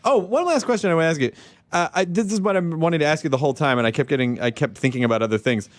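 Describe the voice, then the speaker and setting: A man's voice: fairly high pitch, rapid-fire. A man hosting a podcast, joking and teasing his guest and swearing casually. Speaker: podcast host. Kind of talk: casual interview chat.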